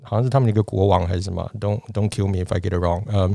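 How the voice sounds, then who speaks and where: A relaxed man in his forties talks as a guest, his voice sitting fairly low and his manner chatty with easy laughs. His sentences often stall and restart. The sound is dry and close, with no room around it. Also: very fast, vocal fry, dry recording. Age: 40s. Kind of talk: casual chat.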